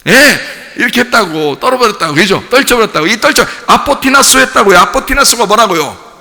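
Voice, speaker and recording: A male pastor preaching a sermon, acting out little scenes with shouted lines, laughs and sudden drops to a low voice. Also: lively intonation, a little fast, long reverb tail. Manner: dramatic, acts out scenes with shouted quotes and laughs. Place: church hall.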